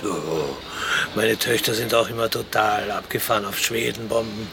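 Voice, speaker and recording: In a naturalistic radio play, an actor takes the part of a put-upon, kindly servant in his fifties, sounding polite, hesitant, earnest, friendly, and bashful. His lowish voice is gravelly, fairly even in intonation, and moderately paced.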